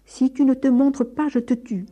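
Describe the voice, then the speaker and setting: A woman voicing a hot-tempered middle-aged father who shouts and threatens, her voice raised and husky. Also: medium pitch, expressive, a little fast, soft background music. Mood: furious.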